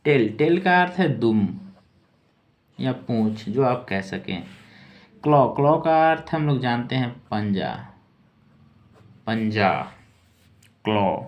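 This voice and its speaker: Male teacher, mid-pitched, very slow and patient, spells out words and repeats them. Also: dull audio. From India. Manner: spells words letter by letter, repeats each word slowly. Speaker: English teacher. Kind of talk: slow spelled-out vocabulary lesson.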